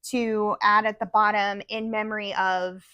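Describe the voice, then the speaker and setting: In a muffled but dry, close recording with no room echo, a woman co-hosting a podcast chats at length about cross-stitch. Her mid-range voice is clear and resonant, bright and forceful yet flat and a little slow, and slightly worn as if she's losing it. Her thoughts loop through fillers, restarts and self-corrections.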